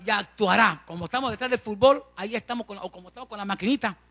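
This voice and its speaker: Preacher guy, really high bright voice, fired up, amen every other line. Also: quick pace, gravelly. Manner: fervent, addresses congregation as brother, frequent amen and hallelujah. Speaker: pastor. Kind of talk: lively Spanish-language sermon.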